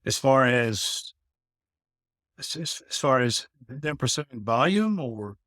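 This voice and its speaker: A middle-aged man, a veteran building automation integrator appearing as a guest, explains things in casual conversation, often repeating words and asking "you know what I mean?" His medium-pitched voice is animated, slow and a bit bright. The recording is clean studio sound with no echo.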